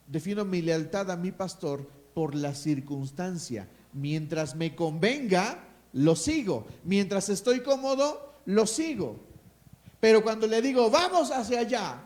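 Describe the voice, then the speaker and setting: A man's voice: high-pitched, lively intonation, takes it slowly, darkish tone. A man with a Mexican accent preaching a sermon as pastor, emphatic and calling for responses from the congregation.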